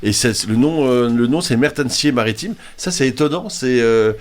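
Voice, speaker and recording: Male co-host, middle pitch, chatty and enthusiastic. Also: moderate pace. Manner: enthusiastic, conversational explaining. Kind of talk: casual radio chat.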